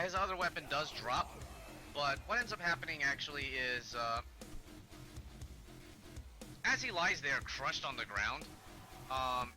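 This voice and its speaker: A man narrating a tabletop game as game master, in a measured, halting way with pauses and fillers. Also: fairly high pitch, sharp tone.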